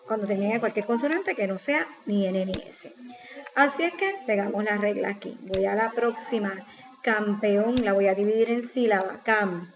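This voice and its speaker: A woman teacher patiently explaining a spelling exercise step by step, asking questions and answering them herself. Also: mid-range voice. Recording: slightly dull lo-fi recording with faint noise.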